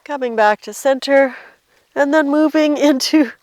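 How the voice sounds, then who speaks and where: A woman leads a guided yoga class in a fairly high-pitched voice. She cues each movement gently while doing the poses herself. The sound is dry, with very little room echo. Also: unhurried. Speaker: yoga instructor.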